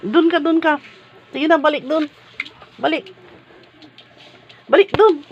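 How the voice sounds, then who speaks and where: A woman's voice: high voice, slow, highs cut off, slight background noise. A woman at home filming her dog and talking to it in a playful, coaxing way, laughing often. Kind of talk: casual talk to a pet. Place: at home, indoors.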